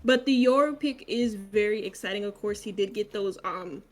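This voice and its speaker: A woman's voice: mid-range voice, moderate pace. A woman giving analytical commentary as an esports caster.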